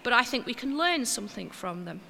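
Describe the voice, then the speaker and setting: A woman preacher with a fairly high, bright voice gives a relaxed, chatty sermon. Her talk is homely and she pokes gentle fun at herself. The sound carries the long reverb of a church hall, with faint noise behind. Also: fairly quick, vocal fry. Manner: chatty and homely, with gentle self-mocking asides. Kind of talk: informal sermon.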